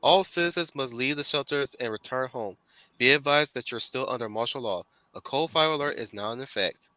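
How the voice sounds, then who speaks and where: A cold, official emergency announcer with a flat, metallic robot voice, as a man puts it on in a casual chat. The tone is bright and edged, and it delivers stiff public orders line by line. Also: mid-range voice, a little fast, no room sound, lightly acted, low-quality recording. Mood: stern. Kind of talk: casual group chat while reading a comic.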